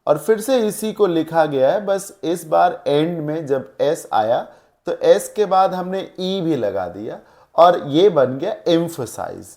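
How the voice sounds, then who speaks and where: A male teacher, giving a grammar lesson and explaining slowly, leaning hard on key words. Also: a little high, animated, darkish tone. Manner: explains slowly in mixed Hindi and English, stressing words. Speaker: English teacher.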